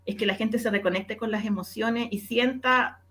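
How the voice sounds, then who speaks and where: A woman with a Chilean accent, a producer of radio dramas and audio stories, is being interviewed in a conversational way. Her voice is on the high side and fairly bright, with fairly even intonation and a normal pace. She speaks reflectively and expressively, often repeating words for emphasis.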